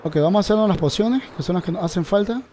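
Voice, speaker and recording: A man's voice: high voice, quick pace, dark tone, a little hiss or hum. A man giving casual gameplay commentary, talking straight to his viewers and searching aloud for words. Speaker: gameplay video creator.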